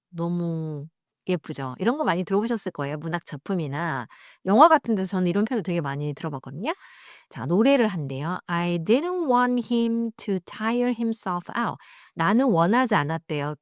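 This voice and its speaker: A woman whose first language is Korean, leading an English reading lesson. She reads the English lines slowly, then explains them in quick, chatty asides. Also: mid-range voice, no room sound, studio quality. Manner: acts out sounds and voices. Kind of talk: bilingual read-aloud lesson.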